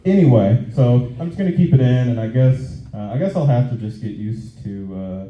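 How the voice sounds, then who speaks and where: A man doing stand-up on stage at an open mic, talking in a halting, conversational way and repeating his phrases. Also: medium pitch, animated. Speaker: stand-up comedian. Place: live comedy venue on stage. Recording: echoey room, dull muffled sound.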